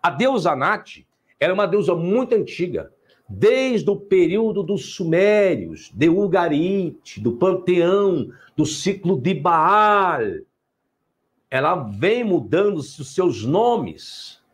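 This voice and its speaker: A middle-aged Brazilian man gives a livestream lecture in a fairly high voice that rises and falls with wide swings. He talks emphatically, fires rhetorical questions at his viewers and scolds them now and then. When he reads out his source texts he slows his pace. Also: very animated. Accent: Brazilian Portuguese. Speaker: online teacher and channel host.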